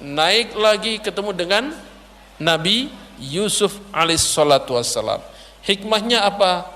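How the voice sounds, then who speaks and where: A man's voice: sits high, expressive, a little slow, pushed and bright. A man preacher telling a dramatic sermon story in a prayer hall, addressing the audience directly. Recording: long hall reverb.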